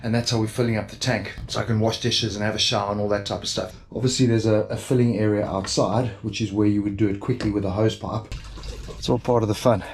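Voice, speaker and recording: A man's voice: lowish voice, level tone, fast, a little hiss or hum. A man from South Africa with a South African accent, chatting casually and jokingly for his travel vlog at a motorhome camp. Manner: chatty, joking, self-deprecating. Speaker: travel vlogger. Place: motorhome camp beside a racetrack, outdoors.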